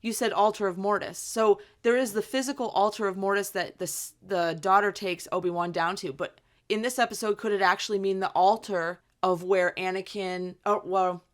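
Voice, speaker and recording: A woman co-hosting a fan podcast, chatty and excitable, swearing casually. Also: mid-range voice, normal speed, hardly any pauses. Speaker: podcast co-host. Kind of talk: casual chat.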